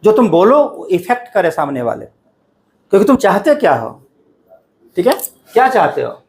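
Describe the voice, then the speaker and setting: A middle-aged man teaches a class in a classroom, speaking straight to his students. His voice sits fairly high, and he keeps checking that they follow him as he explains. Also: very animated, moderate pace, a little mellow. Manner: addresses students directly, repeats "ठीक है ना" often. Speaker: coaching teacher. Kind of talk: classroom lecture.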